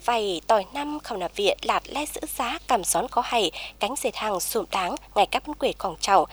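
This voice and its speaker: A woman reading a scripted news report in an even, formal manner. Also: mid-range voice, breathy edge, dry recording.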